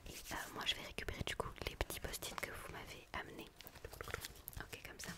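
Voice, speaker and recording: A woman doing a whispered role-play as a gentle, quirky book therapist, in a hushed library whisper, softly repeating phrases to soothe. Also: brisk. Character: quirky, gentle female book physiotherapist attending a patient. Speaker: ASMR performer playing a book therapist.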